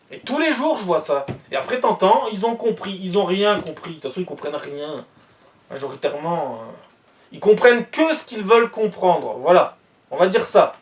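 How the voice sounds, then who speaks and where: A man's voice: sits high, far from the mic. A man ranting bluntly and heatedly in a monologue, repeating himself as he reacts to the news.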